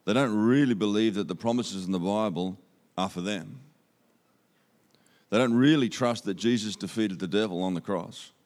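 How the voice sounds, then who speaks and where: His voice is fairly low and a little mellow, moving at a moderate pace, as this Australian guest speaker gives a church sermon. Holding a handheld mic in the church auditorium, he sounds upbeat and conversational and repeats key phrases to emphasize them.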